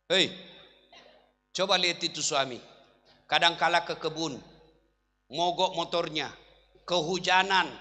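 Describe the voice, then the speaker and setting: A male Islamic preacher giving a humorous sermon, telling jokes and stories and sometimes shouting to the crowd. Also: sits high. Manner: animated storytelling, jokes, bursts of shouting. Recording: reverberant hall.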